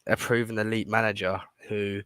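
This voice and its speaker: A man's voice: fairly low pitch, level tone, normal speed, a bit bright, clear, resonant tone, dry recording. A British man giving his opinions as a guest on a casual football fan show.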